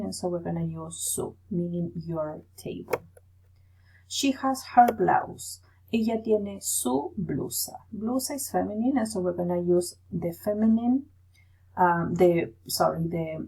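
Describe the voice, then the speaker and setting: A woman's voice: on the low side, warm tone, a little hiss or hum, rough recording. A woman teacher giving a recorded Spanish grammar lesson, explaining patiently step by step and checking in with "right?".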